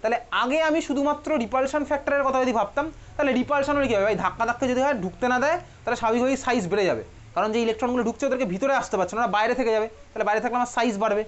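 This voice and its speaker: Bengali-accented male teacher, rapid and chatty, quizzing the class, dull lo-fi room recording. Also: very high-pitched. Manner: quick, chatty, teasing students and asking questions. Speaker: chemistry teacher. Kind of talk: classroom lecture.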